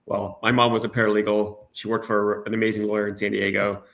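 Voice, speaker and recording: A man's voice: on the low side, little pitch movement, quick pace, gravelly, fairly bright tone. A middle-aged man from the United States, talking as a guest in a casual interview, hesitant with many restarts and fillers.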